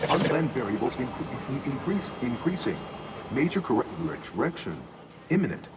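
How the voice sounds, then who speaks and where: A man's voice: mid-range voice, very animated, normal speed. An actor voicing a male archive AI in a video game, glitching and stuttering through error loops that cut off his words. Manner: repeats and cuts off syllables, error loops. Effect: glitching, stuttering machine voice. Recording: distant game audio with loud hum.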